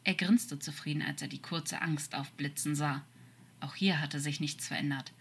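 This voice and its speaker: A woman narrating a fan-fiction story as an expressive audiobook reading, sometimes dropping to soft whispers. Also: sits low, moderate pace, creaky, breathy edge.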